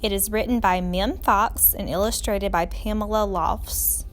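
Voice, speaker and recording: This is a woman with a medium-pitched voice reading a picture book to children, teacher-style, with vivid, carefully paced and theatrical delivery.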